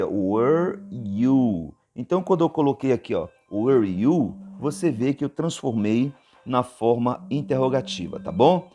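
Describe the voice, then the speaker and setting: A male English teacher with a Brazilian Portuguese accent walks through grammar on a board. His voice is dark and mellow, and he goes over each point patiently, often checking that the viewer is following. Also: mid-range voice. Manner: patient, repeats points, many "tá bom?" check-ins.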